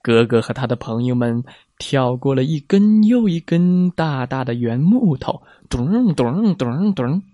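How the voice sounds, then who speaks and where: Slow, animated man reading a children's story. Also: mid-range voice, dull audio. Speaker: narrator.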